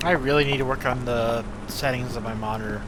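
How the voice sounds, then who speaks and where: A man's voice: mid-range voice, steady tone, a little fast, noisy background. A man casually commenting on a video game, thinking aloud as he plays. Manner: chatty, thinking aloud while playing. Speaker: game streamer.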